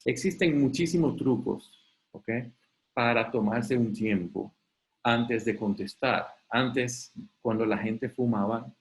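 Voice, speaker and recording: A man giving a webinar over a video call at a middle pitch. He talks to his audience in a loose, chatty way and keeps checking in with a quick "ok?". Now and then he jumps up in pitch to act out someone asking a question. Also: low-quality recording. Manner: conversational, often tags sentences with "¿ok?". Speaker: webinar facilitator. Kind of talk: live online talk.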